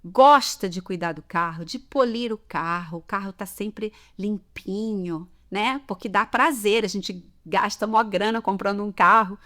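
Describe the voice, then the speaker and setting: A woman's voice: medium pitch, unhurried, hardly any pauses, a bit bright. A Brazilian woman with a Brazilian Portuguese accent, giving a chatty podcast lesson on everyday customs and often checking in with "tá?". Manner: chatty, explains with examples, frequent "tá?" check-ins. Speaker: language teacher.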